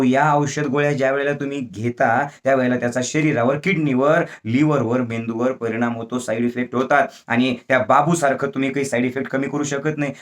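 A man giving a motivational wellness talk, reciting verse slowly and rising to emphatic near-shouts for stress. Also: medium pitch. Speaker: spiritual wellness speaker.

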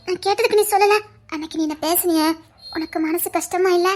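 A woman's voice: very high-pitched, fairly even intonation, fairly quick, a little mellow, faint music behind. A woman dubbing a defiant young woman in a comic serial spoof, with a Tirunelveli Tamil accent. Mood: pleading.

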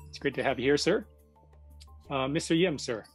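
A man's voice: medium pitch, animated, normal speed, slightly rough, soft background music. A man hosting a commemorative video call, casually calling on guests one by one. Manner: casual, friendly, calls on guests by name. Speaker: event host.

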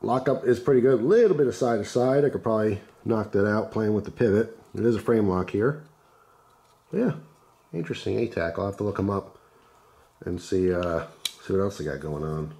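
Hoarse, low-voiced man sick with flu. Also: normal speed, dark tone. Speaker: gear unboxing reviewer. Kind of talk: casual unscripted product commentary. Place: indoors at a wooden table.

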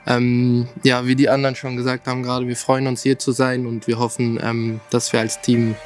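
A man, a former professional footballer, introducing himself calmly on a jury panel. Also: medium pitch, moderate pace, over music. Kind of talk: panel talk. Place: large indoor football hall. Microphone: handheld mic.

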